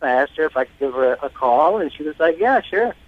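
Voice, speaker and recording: A man with a fairly high, expressive voice calls in to a radio show for dating advice, speaking fairly quickly. He chats casually and rambles through his story in a self-deprecating way. The phone-in line sounds dull.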